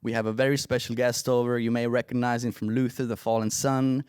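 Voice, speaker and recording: A man's voice: medium pitch, little pitch movement, a little fast, darkish tone, a little hiss or hum. A man hosting a podcast, asking questions in a friendly way, laughing easily and using many fillers. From Estonia. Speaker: podcast host. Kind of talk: casual interview chat.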